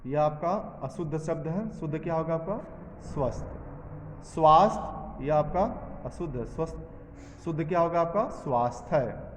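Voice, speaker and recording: A man's voice: fairly high pitch, fairly quick, darkish tone, a little hiss or hum. A male teacher taking a class through a lesson, asking questions and answering them himself. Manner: drills students, asking and answering his own questions. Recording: echoey room with long reverb, dull sound.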